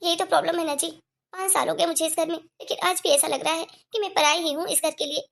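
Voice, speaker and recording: A woman's voice: extremely high pitch, steady tone, quick pace, vocal fry, a bit bright, exaggerated voice. A woman voicing a young wife and mother of two in a cartoon, talking earnestly and pleadingly. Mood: hurt.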